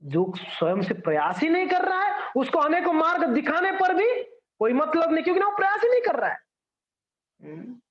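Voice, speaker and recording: A man's voice: extremely high pitch, normal speed. A man preaching a sermon, telling stories and speaking directly to his listeners. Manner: storytelling, animated, addresses listeners directly. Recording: echoey room, dull sound.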